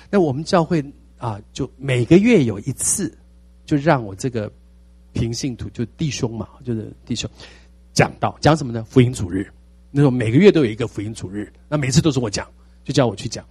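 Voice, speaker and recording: A man in his sixties with a Taiwanese Mandarin accent, a pastor telling his testimony in a sermon with animated storytelling and repeated phrases. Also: mid-range voice, a little fast, husky, no room sound. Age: 60s.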